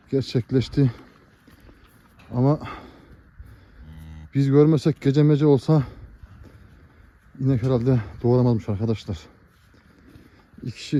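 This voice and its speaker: A man's voice: medium pitch, warm tone, highs cut off. A man, a cattle farmer, talking casually to his viewers and fondly coaxing his animals, out of breath. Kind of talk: casual farm vlog to viewers.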